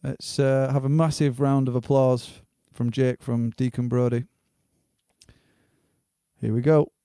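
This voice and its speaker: Male stream host, mid pitch, blokey and matey casual chat, dry recording. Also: level tone, measured pace, warm tone, clean tone, dry recording. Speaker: host of a live music stream.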